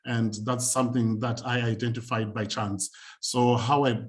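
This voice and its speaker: A Zimbabwean man who works in community and youth work speaks on a video call panel at a moderate pace, his medium-pitched voice barely moving in pitch. He tells a personal story in a conversational, reflective way.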